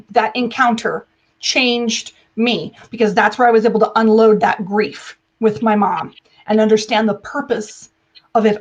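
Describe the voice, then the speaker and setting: American woman telling stories in an interview, pretty high voice, irreverent, really punchy delivery. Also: muffled recording. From United States. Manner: emphatic, irreverent, laughs often, acts out dialogue. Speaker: interview guest, entrepreneur. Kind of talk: animated personal storytelling in a live interview.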